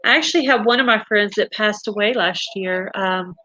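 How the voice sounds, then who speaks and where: Hosting a live stream, a middle-aged woman from Texas reads viewer comments and chats through stories, often using fillers and starting over. She speaks at normal speed in a medium-pitched, bright, forceful voice, recorded dry and lo-fi.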